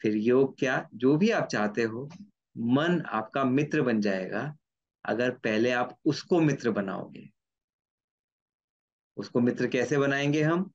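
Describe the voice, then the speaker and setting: A man's voice: mid-range voice, lively intonation, takes it slowly, highs cut off. A neurologist giving an explanatory talk, asking himself questions and answering them, repeating his key points. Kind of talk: explanatory lecture.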